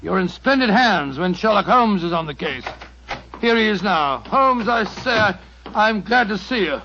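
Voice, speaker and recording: A fussy, blustering middle-aged English doctor in an old radio mystery. His voice is high and avuncular, on a muffled recording thick with noise. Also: lively intonation, normal speed, sharp tone, exaggerated voice. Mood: reassuring. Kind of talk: 1940s radio drama acting.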